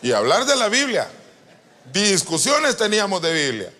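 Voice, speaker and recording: A man preaching a sermon to pastors, animated and joking with the congregation, swinging from loud to soft. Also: high-pitched, moderate pace. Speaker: apostle preaching. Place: church retreat hall.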